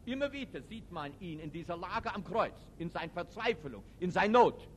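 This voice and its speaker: Emphatic preacher with a lively, high-leaning voice. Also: male voice, normal speed, slight background noise. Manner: emphatic, swings between loud outbursts and quiet reflection; non-native German grammar. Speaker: preacher and teacher. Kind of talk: sermon to a live audience.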